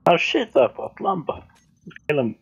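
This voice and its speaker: A young man playing a game with a friend, talking slowly and deliberately, laughing along and repeating the other's words. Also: on the high side, very animated, gravelly, breathy edge, dull audio. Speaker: co-player. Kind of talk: casual gaming chat.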